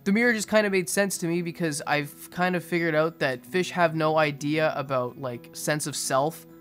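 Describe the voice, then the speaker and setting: A young man giving a casual aquarium update voice-over in a monotone, restrained way. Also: on the high side, normal speed. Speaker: fishkeeping video host. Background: music behind the voice.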